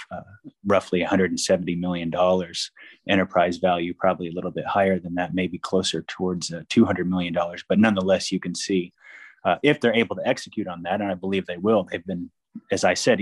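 A deep-voiced man talks as an investment analyst in a very dry recording. His financial commentary is unscripted, with hesitant phrasing and careful qualifications. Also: breathy edge, no room sound.

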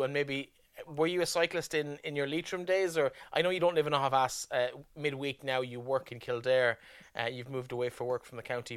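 A man's voice: mid-range voice, smooth, dry recording, studio quality. A man with an Irish accent interviewing guests in a conversational way as host.

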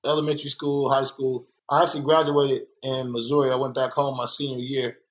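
A man's voice: mid-range voice, fairly quick, poor audio. A man from Los Angeles, an artist guest in a casual interview, speaking candidly and telling stories from his life. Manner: candid, storytelling, animated when quoting others. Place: art workspace.

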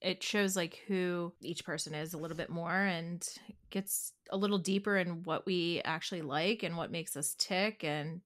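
Woman with a Philly Delco accent, lower-pitched. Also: steady tone, normal speed, hardly any pauses. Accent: Philadelphia Delco. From suburbs of Philadelphia, United States. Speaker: podcast co-host and therapist. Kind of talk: casual podcast chat.

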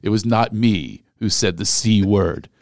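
A podcast host with an American accent talks a little slowly in a lowish voice, captured dry at studio quality. He chats casually and jokes through animated stories in a comedic interview setting.

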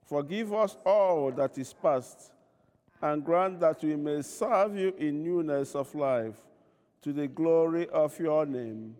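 A man leading a church service as priest, speaking formal liturgy and prayers in a measured, solemn way with a cathedral-like echo. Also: a little high, a little mellow. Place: large reverberant church.

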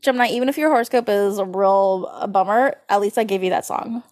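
A woman co-hosting a podcast chats playfully about horoscopes, riffing loosely for comedic effect. Her voice is medium in pitch, fast and somewhat dark in tone.

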